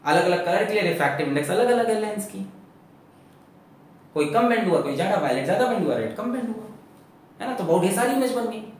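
A man teaching a physics lecture, lively and full of rhetorical questions, mixing English terms into his explanation. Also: high voice, fast talker, pauses often, slight background noise. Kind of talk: classroom lecture. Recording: echoey classroom from far off.

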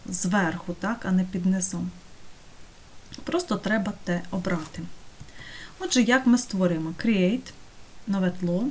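A woman teaching an online course, talking through a screen-recorded software tutorial step by step and checking in with her students. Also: medium pitch. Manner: patient, step-by-step, checks in with "так?".

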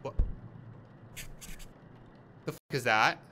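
A young man giving casual, jokey let's-play commentary on a horror game, with loud, jumpy reactions. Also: mid-range voice, slow pace, very noisy. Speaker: gaming YouTuber.

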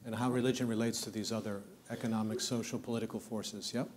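A man moderating audience questions at a panel in a wood-panelled hall, brisk and polite and keeping an eye on the time. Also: fairly low pitch, fairly even intonation, slight background noise.

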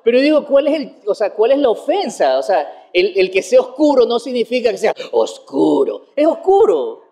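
A man's voice: high-pitched, moderate pace. A man, a guest comedian chatting in an interview, rambling and laughing as he talks. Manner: animated, rambling, laughs while talking. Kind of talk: casual interview chat.

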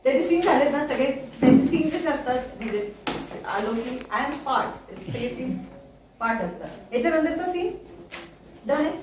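A high-voiced actress chats in a relaxed way between takes. Her voice sounds distant, caught across an echoing room. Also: moderate pace, background noise. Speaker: TV serial actress. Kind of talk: casual chat on set. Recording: echoey room from far off.

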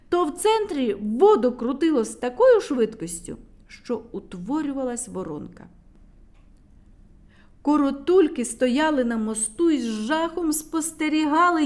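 A woman storyteller reading a children's tale aloud in a lively, dramatic way. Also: sits high.

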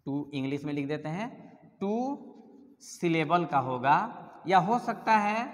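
A man's voice: fairly high pitch, animated, a little slow, in a large hall. A male English teacher explaining a grammar lesson step by step, often spelling words out letter by letter.

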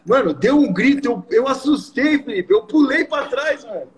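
Young Brazilian man, high voice. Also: moderate pace, a little hiss or hum, rough recording. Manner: slangy, animated, peppered with "mano" and "velho". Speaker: guest preacher. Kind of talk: casual storytelling.

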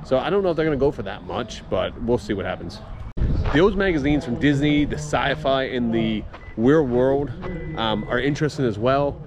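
This middle-aged reseller vlogger has a medium-pitched, expressive voice and talks at a normal speed, though the audio is muffled and the background noisy. Filming at an auction house, he keeps up a casual running commentary for the camera, musing aloud and restarting phrases.

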